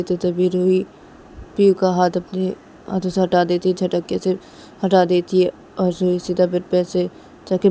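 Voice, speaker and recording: A woman's voice: fairly low pitch, mellow, a little hiss or hum. A woman narrating a romance story in a casual, plain spoken manner, linking events with repeated connecting words.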